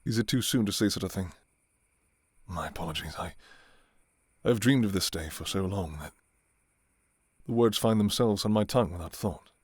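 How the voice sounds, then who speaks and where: A man playing a courtly, restrained vampire king in an intimate ASMR role-play, speaking formally and softly with some hesitation. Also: low-pitched, moderate pace, pauses often, husky, no echo, studio quality. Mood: earnest, admiring. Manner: formal, archaic, hesitant, soft-spoken. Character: courtly adult male vampire king, restrained, yearning for his enemy.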